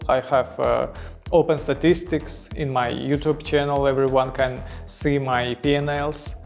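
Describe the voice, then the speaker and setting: Halting man, gravelly voice. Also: mid-range voice, darkish tone. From Kazakhstan. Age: 30s. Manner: slow, hesitant, many fillers and broken phrasing. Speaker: crypto trader introducing himself. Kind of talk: self-introduction in halting non-native English.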